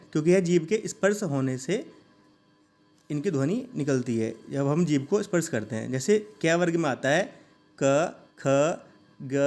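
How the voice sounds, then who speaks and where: A man teaching a grammar lesson, saying each sound slowly and asking listeners to repeat it. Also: on the high side, darkish tone.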